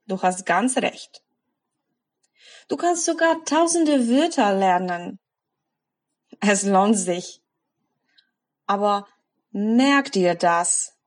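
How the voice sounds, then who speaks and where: A woman, a German speaker, giving a scripted and encouraging language lesson. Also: mid-range voice. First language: Polish. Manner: encouraging, careful, deliberate. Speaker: language teacher.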